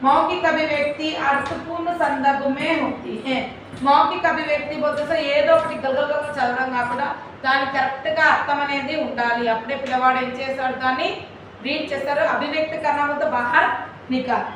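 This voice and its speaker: A woman teacher giving a lecture, her voice high and sharply bright. She explains each point, then quizzes her listeners, moving between two languages. The recording is very echoey and distant, with faint ambience behind. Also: steady tone, brisk, slight background noise.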